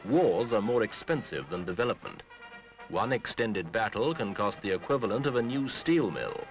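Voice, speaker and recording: Old newsreel narrator, male, deep and expressive, grave measured read over music. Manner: grave, measured delivery in short phrases. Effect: old newsreel soundtrack. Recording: dull lo-fi 1970s film sound with music.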